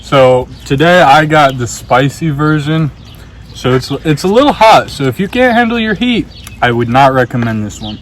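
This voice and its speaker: A young man giving a slow, deliberate verdict in a casual outdoor food review. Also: fairly high pitch, expressive, slight background noise.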